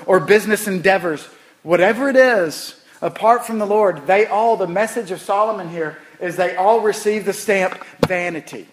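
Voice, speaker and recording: A middle-aged male pastor preaching a sermon, impassioned, repeating phrases and swinging from soft, low words to loud, rising ones. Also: poor audio.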